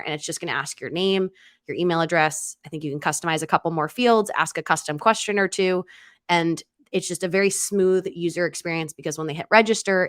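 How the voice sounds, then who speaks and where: A woman's voice: fairly low pitch, a bit bright, no room sound, clean studio sound. A woman co-hosting a podcast, chatting casually with lots of fillers and restarts. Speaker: podcast co-host.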